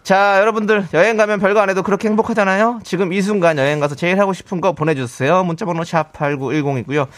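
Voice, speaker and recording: A man hosts a radio show in a casual, chatty style, reading listener messages with upbeat energy. His voice is high-pitched with fairly even intonation, and he talks at a quick pace with few pauses.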